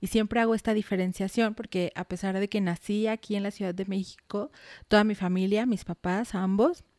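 A woman's voice: medium pitch, steady tone, fairly quick, a little mellow, no echo. A Mexican woman in her thirties, a podcast guest in a studio, talking in a reflective, earnest way. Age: 30s. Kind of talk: podcast interview.

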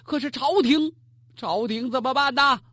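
A storyteller putting on a scrawny but hot-headed male official who bellows his accusations before the throne, his husky voice leaping up and down in pitch. It is a dry, close storytelling recording. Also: very animated, measured pace, no echo, heavily acted. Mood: tearful. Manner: shouting, impassioned. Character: blunt fiery male county official pleading at court.

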